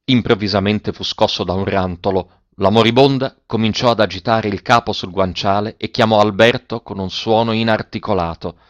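A man narrates a novel in a measured, grave reading. His voice sits low. The sound is dry with no room echo, and the recording is somewhat dull. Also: steady tone. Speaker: audiobook narrator. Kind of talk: scripted narration.

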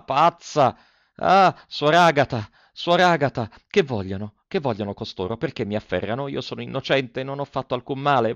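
A man's voice: medium pitch, gravelly, dry recording, dull audio. A man voicing a frantic young novice nun. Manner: pleading and feverish, repeating cries. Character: young novice nun, frightened, losing her mind. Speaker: audiobook reader. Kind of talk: dramatic reading of a diary.

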